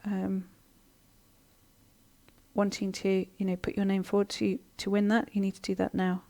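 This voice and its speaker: Hosting a live online coaching session, this woman reads viewer comments aloud and responds to them with lots of ums and restarts. Her medium-pitched voice stays monotone at a normal speed, yet her manner is chatty and warm-hearted.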